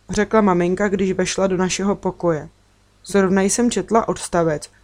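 A woman reading a children's book aloud in a calm, measured storytelling voice. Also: mid-range voice. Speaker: narrator.

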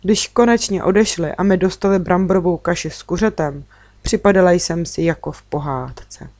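A woman narrating a children's audiobook in the first person, with an even, storytelling delivery. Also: fairly low pitch, no echo. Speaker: audiobook reader.

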